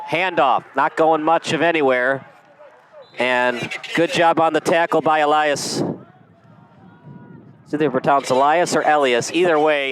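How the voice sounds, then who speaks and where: A man calling a high school football game play by play, in a brisk, chatty manner. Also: fairly bright tone, a little hiss or hum, poor audio. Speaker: play-by-play announcer. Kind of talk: live sports commentary.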